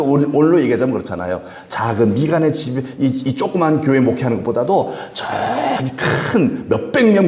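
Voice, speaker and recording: A male pastor preaching at a Friday prayer service, animated, acting out the people he quotes and chuckling often. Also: mid-range voice, echoey room. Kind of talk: sermon. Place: church sanctuary.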